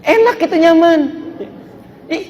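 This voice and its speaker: A man's voice: very high voice, moderate pace, darkish tone, big-room sound, muffled recording. A man preaching on married life, telling a story and putting questions to his listeners. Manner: storytelling, asks the audience questions. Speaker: Islamic preacher. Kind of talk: sermon on married life with stories.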